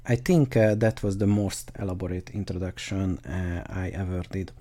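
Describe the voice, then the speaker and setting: A man hosts a podcast interview in a low, gravelly voice with a mellow, dark tone. He hesitates often and fills his pauses with "uh" as he introduces his guests and asks questions. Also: fairly even intonation. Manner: hesitant, many fillers. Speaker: podcast host.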